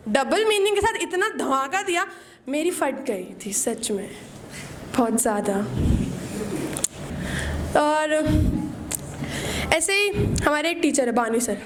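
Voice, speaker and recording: A woman's voice: very high-pitched, a little hiss or hum. A young woman in her twenties doing a first-time stand-up set, telling self-mocking college stories and acting out her strict teachers. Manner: self-mocking storytelling, acts out teachers' scolding. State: nervous, shaking. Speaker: stand-up comedian. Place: small open-mic stage with audience.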